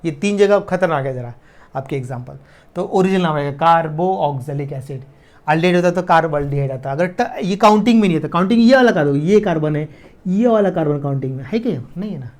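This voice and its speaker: A man's voice: a little high, darkish tone. Chemistry teacher, man. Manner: repeats key terms slowly, asks students "clear?". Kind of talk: casual classroom lecture.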